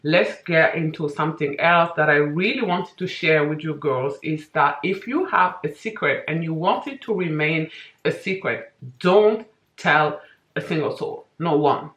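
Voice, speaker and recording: A woman's voice: low-pitched, a little slow, fairly bright tone. A woman giving casual, emphatic big-sisterly advice in a chatty monologue while applying her makeup, often checking in with "okay?". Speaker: vlogger giving life advice. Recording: roomy indoor echo.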